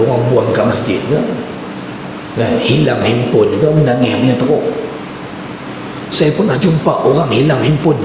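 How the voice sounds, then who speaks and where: Echoey male preacher telling a story. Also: medium pitch. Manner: conversational anecdotal storytelling. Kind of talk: religious lecture storytelling. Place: mosque hall. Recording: echoey mosque hall with background noise.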